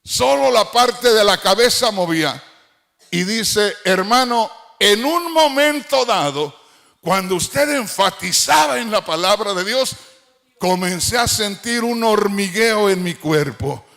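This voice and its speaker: Man preaching, high voice, fervent, swings into shouted and sung lines. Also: expressive, unhurried, creaky. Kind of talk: sermon.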